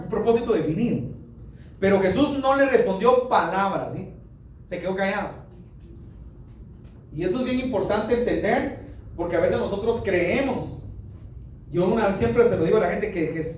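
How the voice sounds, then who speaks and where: A high-voiced male pastor preaches in a lively, colloquial way, acting out the people he quotes. He is picked up from a distance in a very echoey church hall with a faint noise underneath. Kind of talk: sermon.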